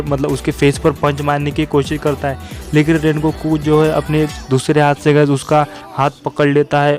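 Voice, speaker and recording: A man's voice: a little high, darkish tone. A young man casually retelling an anime episode as a recap narrator, who keeps saying "guys" and "yaar" as he goes. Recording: faint music behind.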